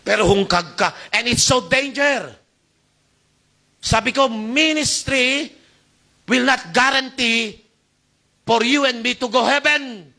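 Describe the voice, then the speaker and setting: High, bright-voiced preaching man. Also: takes it slowly, gravelly, pauses often. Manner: exhorting, calls for amen, shifting loud and soft. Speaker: youth pastor. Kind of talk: Taglish sermon. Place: church youth service.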